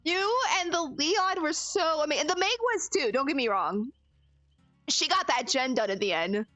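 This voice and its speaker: A woman's voice: high voice, lively intonation, moderate pace, pushed and bright, no room sound, faint music behind. A woman streaming a game, chatting casually with viewers and reacting expressively, swinging between frustrated cries and laughs. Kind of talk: casual gaming commentary.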